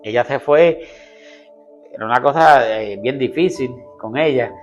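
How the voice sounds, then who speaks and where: A man's voice: mid-range voice, measured pace, soft background music. A man, a pastor, telling his personal testimony in an interview, earnestly, acting out what people said to him. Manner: earnest storytelling, acting out quoted dialogue.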